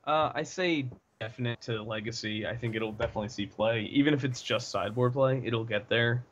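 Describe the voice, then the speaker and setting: Easygoing young man, middle-pitched voice. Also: a little fast, a bit bright, muffled recording, a little hiss or hum. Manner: easygoing, agreeable, trailing off mid-thought. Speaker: co-host of card review. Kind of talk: casual chat.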